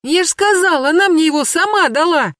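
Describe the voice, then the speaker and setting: A reader voicing a frightened but defiant eight-year-old boy who wails and protests in a high, shrill voice. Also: animated, fairly quick, a bit bright, dry recording, clean studio sound. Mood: scared, stubborn. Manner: shrill wailing. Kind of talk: audiobook character voice.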